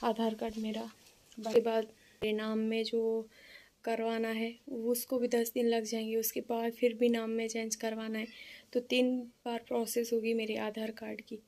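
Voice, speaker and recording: A young woman, talking slowly and softly in a casual vlog, tired and sleepy. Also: fairly high pitch, monotone. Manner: soft-spoken, slow and subdued. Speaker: vlogger.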